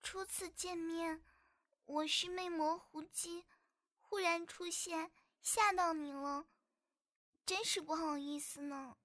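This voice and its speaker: A woman's voice: very high-pitched, fairly even intonation, slow, sharp tone, dry recording, studio quality, heavily acted. A woman voicing a clumsy young female succubus trainee who is a little tsundere and giggly, in an audio drama. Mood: shy, chatty. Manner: giggly and teasing. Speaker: voice actress.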